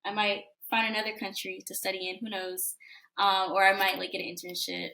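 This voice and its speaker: A young woman in her twenties talks over a video call as a guest, her voice crisp and bright. She rambles in an upbeat, chatty way, with lots of fillers and likes, at a mid pitch. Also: level tone, fairly quick. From United States. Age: 20s. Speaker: guest, college student. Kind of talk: casual interview chat.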